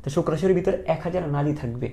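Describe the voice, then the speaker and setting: Gravelly male teacher drilling key terms. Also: a little high, very fast, warm tone. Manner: repeats key terms as questions, drilling students. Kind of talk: online lecture.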